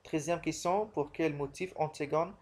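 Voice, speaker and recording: A man's voice: on the high side, normal speed, darkish tone, a little hiss or hum. A man teaching a literature lesson, working through questions and answers in a didactic way and repeating key phrases.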